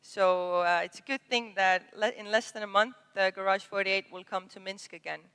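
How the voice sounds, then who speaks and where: A woman delivers conference announcements, hesitating often with fillers. Her voice is smooth and resonant. Long hall reverb trails behind her words. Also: mid-range voice, fairly even intonation, normal speed, a bit bright. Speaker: conference speaker. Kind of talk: conference presentation.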